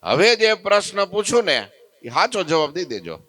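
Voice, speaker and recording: A preacher doing a blunt, loud village man. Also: sits high, expressive, normal speed, no room sound, voice pushed up, full character voice. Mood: blunt demand. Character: simple, bold village man questioning his lord.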